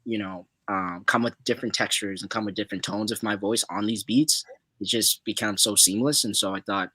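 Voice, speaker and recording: A man's voice: fairly low pitch, steady tone, brisk, pushed and bright, no room sound, rough recording. A young man from Zimbabwe, a guest musician answering interview questions in a loose, laid-back way full of fillers.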